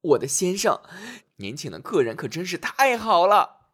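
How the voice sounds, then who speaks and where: A sly, greedy young cook girl, as a male storyteller puts her on, pitched up and bouncing with sing-song lilts. She schemes playfully and drops to a hush when plotting. It is a children's storybook voice. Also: very animated, moderate pace, exaggerated voice. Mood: mock innocent.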